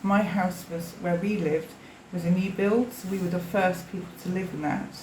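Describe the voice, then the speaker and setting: A South African woman in her fifties gives a witness statement as an interviewee, rambling and hesitant, full of fillers and restarts. Her voice is fairly low, steady, and darkish at a moderate pace. The recording has a roomy echo and slight background noise.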